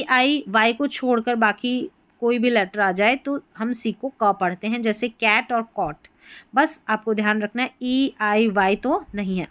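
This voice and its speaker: Woman teacher, kinda high voice, patient, repeats stuff, dry close sound. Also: dry recording. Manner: patient, repeats and spells out letters slowly. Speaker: English teacher. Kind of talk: spoken classroom lesson.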